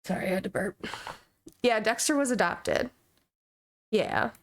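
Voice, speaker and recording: A woman's voice: mid-range voice, huge pitch swings. Chatty woman streaming a game. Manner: chatty, amused, reacts with quick asides. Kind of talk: casual live-stream commentary, reading game text aloud.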